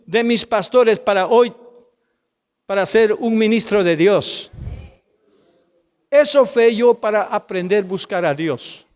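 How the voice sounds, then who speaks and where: Impassioned high-voiced preacher in a hall. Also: male voice. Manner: impassioned, pleading, addresses listeners as brother. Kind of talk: testimony sermon.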